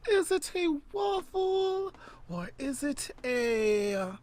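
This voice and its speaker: A woman co-hosting a podcast over a remote call chats casually and playfully, drawing out her guessing questions during a word game. Her voice is high and a little mellow, with big pitch swings, and she's heard through a remote call mic.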